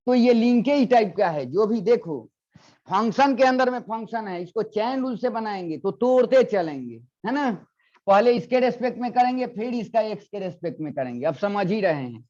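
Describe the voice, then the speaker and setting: A male physics teacher lectures a class in a high, expressive, darkish voice at a moderate pace, coaxing students and repeating his questions. The classroom recording is dull and lo-fi.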